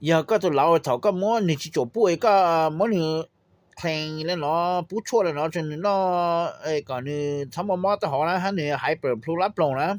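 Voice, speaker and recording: A man's voice: on the high side, normal speed, dry recording. A man giving a casual spoken lesson on raising birds, switching into English phrases and often checking in with listeners. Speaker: poultry trainer giving advice.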